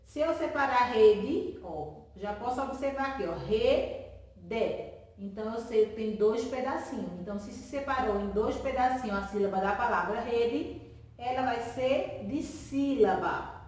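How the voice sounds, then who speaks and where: A woman's voice: fairly high pitch, moderate pace, a little mellow, recorded from a distance. A woman teacher giving a remote lesson to children, stretching out words syllable by syllable and answering her own questions in a sing-song way. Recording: echoey room, voice from off-mic.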